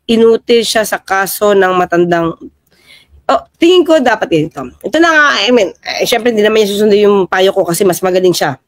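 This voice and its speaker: A woman's voice: mid-range voice, no room sound. A Filipino woman hosting a casual livestream, chatting about the news and thanking viewers by name. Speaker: livestream host reading viewer comments.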